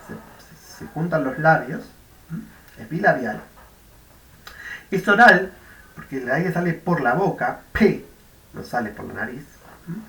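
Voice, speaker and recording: A man with a Rioplatense Spanish accent gives a university lecture, explaining step by step, demonstrating sounds aloud and checking comprehension with "¿m?" and "¿de acuerdo?". His voice is on the high side and a bit bright, recorded off-mic in an echoey room.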